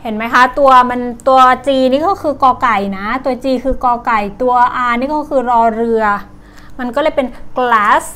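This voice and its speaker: A woman teaching English words to children, with a Thai accent, saying each word slowly over and over. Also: high voice, fairly bright tone. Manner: slow, drawn-out repetition of each word. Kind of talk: vocabulary lesson for children.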